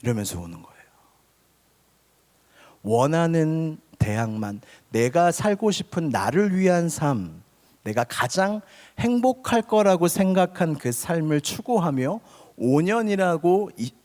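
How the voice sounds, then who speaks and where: Korean pastor preaching in a reverberant hall. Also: male voice, fairly high pitch, sing-song, measured pace. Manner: conversational, often addresses listeners directly; swings between loud emphasis and soft near-whispers. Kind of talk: youth sermon. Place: church sanctuary.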